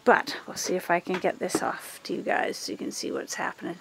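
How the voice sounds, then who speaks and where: A woman filming a casual walkthrough of her house under renovation, pointing things out room by room in a relaxed way. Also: fairly low pitch, fairly quick, gravelly, background noise. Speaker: homeowner giving a house tour. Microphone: handheld camera, filming while walking.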